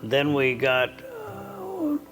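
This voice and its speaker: A man who is a surgeon, recalling his work in an interview in a calm, measured, reflective way. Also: a little high, vocal fry, faint music behind, low-quality recording. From United States. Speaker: orthopedic surgeon. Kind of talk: interview recollection.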